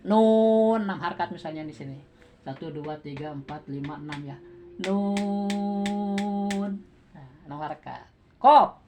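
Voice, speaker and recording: A woman's voice: sits low, a little mellow, slight background noise. A woman with a Sundanese-tinged Indonesian accent teaching Quran recitation in a classroom lesson. She quizzes her students, counts out beats aloud and laughs often.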